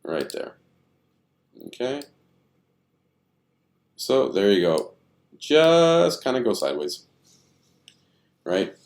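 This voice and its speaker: A man's voice: medium pitch, big pitch swings, extremely slow, pauses often, darkish tone. A man giving casual, rambling commentary on stock charts, thinking aloud with many fillers, tired and yawning.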